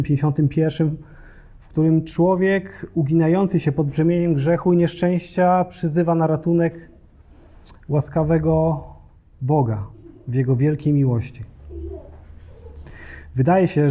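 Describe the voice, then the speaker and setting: A man's voice: a little high, mellow, dull audio. A man preaching a sermon, speaking earnestly and directly to the congregation with occasional hesitations.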